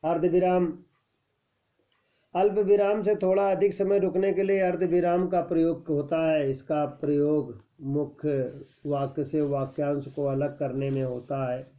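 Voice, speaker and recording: A man teaching a scripted grammar lesson at a measured pace, announcing each heading more loudly and reading the examples more softly. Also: a little high, level tone. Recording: dull lo-fi recording.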